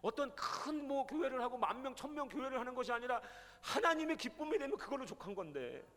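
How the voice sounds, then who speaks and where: A male pastor telling a testimony in a sermon, animated, swinging from loud to hushed. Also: extremely high pitch, fast talker, long reverb tail. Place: prayer retreat hall.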